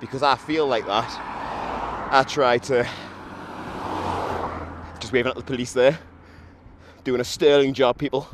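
A mid-range male voice with fairly even intonation moves at a measured pace, broken by long pauses. He's a hungover podcaster, still a bit drunk after a run, walking a street and talking casually to camera in a sweary, blunt, self-mocking way. The handheld outdoor recording is noisy with traffic.

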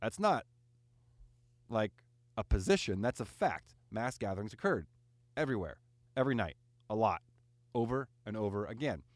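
A man talks loosely and at length in a casual podcast chat. His pitch swings widely and his delivery is rambling, full of fillers and restarts. The close mic sounds dry, with no room around it. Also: very animated, normal speed, pauses often, no room sound.

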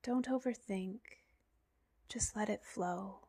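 Slow, hushed woman guiding sleepy relaxation. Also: mid-range voice. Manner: soft, breathy, half-whispered delivery with long pauses. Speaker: guided meditation narrator. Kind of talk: soothing guided relaxation narration, like a sleep story.

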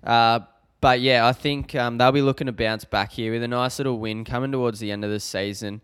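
A man's voice: medium pitch, steady tone, a little fast, fairly bright tone, clean tone. A man with an Australian accent, chatting casually as co-host of a sports betting podcast. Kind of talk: casual chat.

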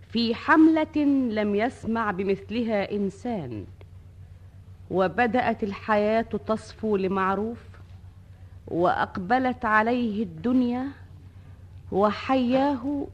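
A woman playing a poised storyteller of old tales in a radio drama, in a measured, lilting recitation. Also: a little high. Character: poised female storyteller of Arabian nights tales. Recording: muffled old radio recording.

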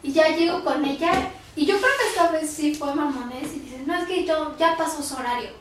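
A young Mexican woman telling a story in a casual chat, animated and acting out the voices of the people she quotes. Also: high voice, moderate pace. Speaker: podcast co-host. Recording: roomy, distant mic, noisy background.

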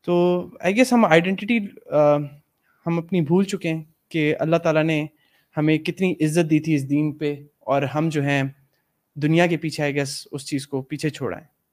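A man's voice: fairly high pitch, steady tone, a little mellow. A man in a casual discussion, reflective, switching between Urdu and English phrases. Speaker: guest in a discussion.

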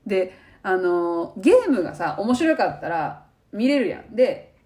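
Young woman, Kansai accent, animated chatty storyteller, very lively pitch. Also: measured pace. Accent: Kansai Japanese. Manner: animated storytelling, acting out quoted lines. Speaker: podcast co-host. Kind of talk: casual chat.

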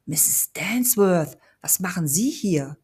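A woman's voice: fairly low pitch, lively intonation, moderate pace, a little mellow, breathy edge. A woman voicing a cautious, level-headed young man in an earnest tone. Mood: surprised.

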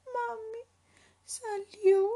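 A woman voicing a small, sad leopard cub in a storybook reading, with high squealing cries. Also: steady tone, extremely slow, dark tone, heavily acted.

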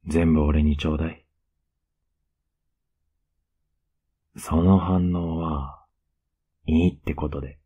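Very deep, husky younger boyfriend, ASMR role-play, acted by a man, lilt. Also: full character voice. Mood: coaxing, doting. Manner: soft, intimate, coaxing murmur. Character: tender, teasing, clingy younger boyfriend cuddling in bed.

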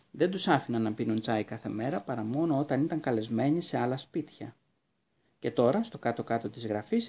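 A man narrating a children's book aloud with lively, expressive storytelling. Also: medium pitch, husky. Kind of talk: audiobook reading of a children's book.

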